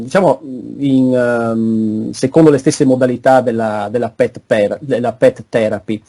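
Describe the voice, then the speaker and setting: A man giving an online academic lecture over a video call, pausing often to search for words. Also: medium pitch, warm tone. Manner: halting, frequent searching for words.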